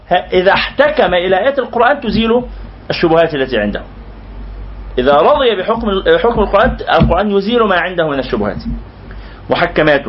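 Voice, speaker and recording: Fast high-voiced Egyptian male teacher. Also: highs cut off. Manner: explains word by word, repeating and restating terms. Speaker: religious teacher. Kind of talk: lecture explaining a classical poem.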